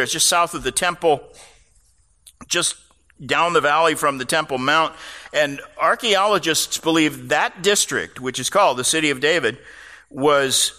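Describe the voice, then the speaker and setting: A man's voice: fairly high pitch, pushed and bright. A man preaching a sermon, explaining scripture passages with casual asides to the congregation. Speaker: pastor. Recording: long reverb of a large hall.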